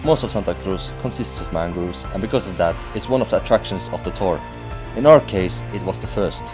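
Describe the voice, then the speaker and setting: Low-voiced travel vlogger with a slight cold. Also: male voice, a little fast, over music. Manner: frank, advice-giving. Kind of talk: vlog narration.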